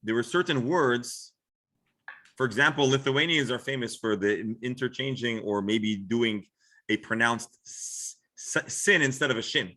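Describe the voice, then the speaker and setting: Here the Florida rabbi's mid-range voice sounds pushed and bright, moving at a normal speed. He speaks with an American accent, explaining informally in a religious lecture with discussion and often rephrasing or hedging mid-sentence.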